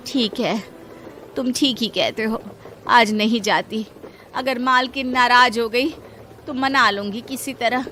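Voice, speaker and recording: A woman's voice: fairly high pitch, unhurried, pushed and bright, slight background noise. A woman voicing a poor, humble maid in a cartoon story, pleading with her employer. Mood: agreeing. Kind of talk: Hindi cartoon story dubbing.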